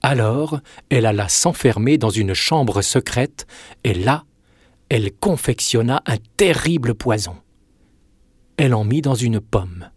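A man narrating a fairy tale in a measured, expressive reading. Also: mid-range voice, husky, no echo, clean studio sound. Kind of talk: storybook narration.

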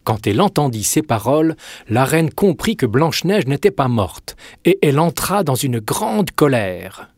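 A man narrating a fairy tale in a measured, expressive reading. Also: mid-range voice, dry recording, clean studio sound. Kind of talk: storybook narration.

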